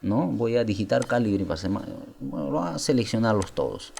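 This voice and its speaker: A man presenting a software tutorial, explaining step by step and asking viewers rhetorical questions. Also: on the low side, animated, a little fast, gravelly, slightly rough. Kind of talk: screen-recorded software tutorial.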